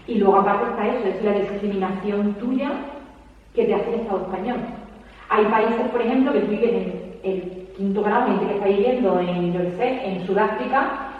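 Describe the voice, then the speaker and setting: A woman from Spain with a Spanish accent, talking to an audience at a book presentation in an animated way and often adding tag questions. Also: medium pitch. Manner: animated, rapid, peppers speech with tag questions. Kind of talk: conversational talk to an audience. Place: large hall at a public event. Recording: echoey hall, distant mic, dull sound.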